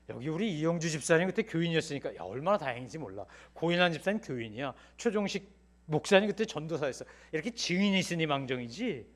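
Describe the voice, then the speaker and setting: A middle-aged man preaching a Sunday sermon in a church, telling personal stories and swinging from loud pleading to hushed asides. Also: on the high side. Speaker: pastor. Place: church sanctuary.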